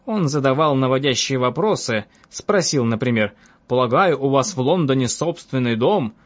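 A man's voice: medium pitch, normal speed, close to an everyday voice. A man voicing a sly, self-assured young woman. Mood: amused scheming. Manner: lively, mocking, self-assured. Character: cunning, bold young woman, amused storyteller. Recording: dull lo-fi audiobook with faint music.

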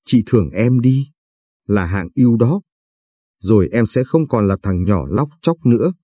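A man voicing a mischievous teenage boy teasing his older sister in an audio story, playful and teasing, with a dark, husky voice. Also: on the low side, animated, a little slow, no room sound. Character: cheeky teenage boy, mischievous little brother.

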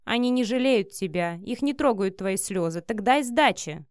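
A woman's voice: medium pitch, expressive, normal speed, dry recording, studio quality, natural voice. A woman voicing a tough bitter businesswoman. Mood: stern.

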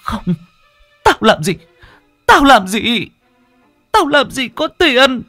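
A woman's voice: medium pitch, sing-song, normal speed, no echo, soft background music, voice pushed up. A man voicing a frail, desperate old peasant mother, pleading and shrieking in a storybook tale. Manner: pleading, then shrieking in terror.

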